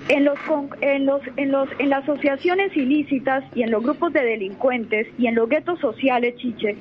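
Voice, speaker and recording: A young Colombian lawyer speaks at a moderate pace in a high voice, sounding assertive and sure of herself as a radio interview guest. She sometimes repeats words while collecting her thoughts, and the radio audio is muffled with faint noise.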